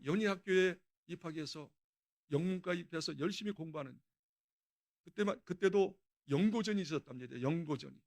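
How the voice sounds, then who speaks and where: Male pastor, middle-aged, high voice, dramatic storyteller who bursts loud. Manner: storytelling, acting out quotes with sudden loud outbursts. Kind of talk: dawn prayer sermon.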